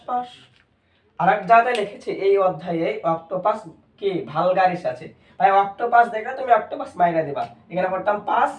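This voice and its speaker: A man's voice: sits high, roomy sound, far from the mic. A man teaching a lesson with playful memory tricks, repeating key words over and over to drill them. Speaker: tutor.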